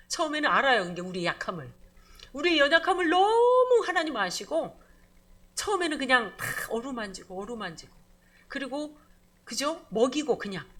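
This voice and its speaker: A woman pastor preaching a midweek church sermon, lively and conversational, calling out for amens and acting out voices. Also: sits high. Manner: animated preaching, calls for amen, acts out scolding voices.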